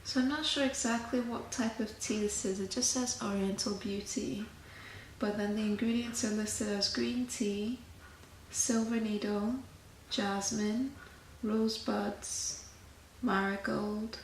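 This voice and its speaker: A woman talks in a soft-spoken ASMR chat, gentle and unhurried. Her voice has a noticeable creak, and it sits in a roomy, echoing space with faint noise behind it. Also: mid-range voice, fairly even intonation. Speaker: host of a tea meditation channel.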